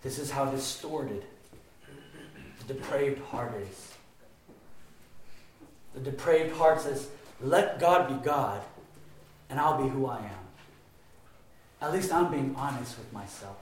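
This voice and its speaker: A man preaching a sermon with passion, his voice swinging between loud emphatic stretches and quieter ones. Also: medium pitch, takes it slowly, pauses often. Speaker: pastor. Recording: very echoey room.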